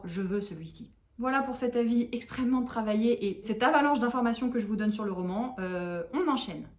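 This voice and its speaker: A young woman talks casually to her viewers, chatty and quick to poke fun at herself. She sounds a little tired, and her voice sits fairly high. The room around her is noticeably echoey. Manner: chatty, self-mocking, animated. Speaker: book vlogger. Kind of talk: casual book chat to camera.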